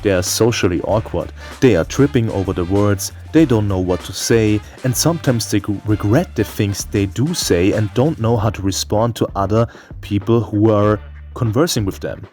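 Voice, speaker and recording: A man gives a comedic, scripted video game review in a theatrical, profane, and playful style, with music playing behind him. His voice is lowish and a little mellow, at a normal speed.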